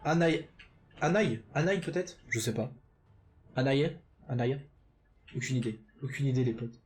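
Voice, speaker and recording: An animated, mid-range male voice delivers live esports game commentary. The caster is chatty and loose, leaning on fillers and making quick self-corrections.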